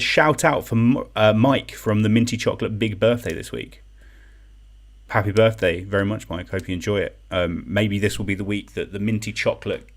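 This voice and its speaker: A young man hosting an online quiz in a chatty, self-deprecating way, reading out comments and repeating each question. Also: on the low side. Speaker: quiz host. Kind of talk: casual live-stream quiz hosting.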